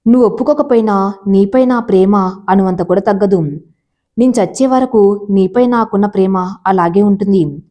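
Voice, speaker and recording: A devoted young man pours out his love in a soft, pleading way, as a woman storyteller reads his lines. The voice stays mellow and warm, at a middling pitch for a woman's reading. It is an everyday reading voice, not a big character voice. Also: normal speed, natural voice. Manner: tender, pleading, emotional.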